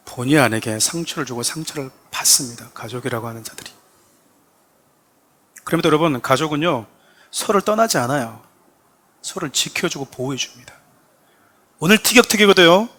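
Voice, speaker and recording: A male pastor with a voice pitched a little higher than most men delivers a sermon in church. He talks straight to his congregation and acts out quoted speech with rising emphasis. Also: a bit bright. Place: church sanctuary.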